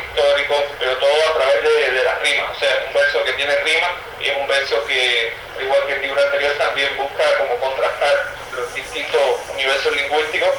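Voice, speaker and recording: A young Cuban man with a Cuban Spanish accent, talking through interview questions in a thoughtful, hesitant way. His voice is bright and carries a fairly flat pitch. He sits back from the mic in an echoey room with faint noise behind him. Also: far from the mic. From Cuba. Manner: thoughtful, with frequent hesitations and fillers. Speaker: writer and poet, guest. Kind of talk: interview answers.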